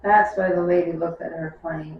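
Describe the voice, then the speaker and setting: A woman's voice: fairly low pitch, steady tone, a little fast, a little hiss or hum. A woman hosting a reaction video, chatting casually and reacting aloud as she watches each scene. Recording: roomy, distant, dull sound with show music behind.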